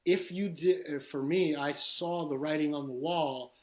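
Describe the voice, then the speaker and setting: This man's voice sits on the high side and moves at an unhurried pace, carrying a New York street accent from East New York, Brooklyn. Appearing as a guest artist on a laid-back podcast, he spins rambling, profanity-laced stories full of energy.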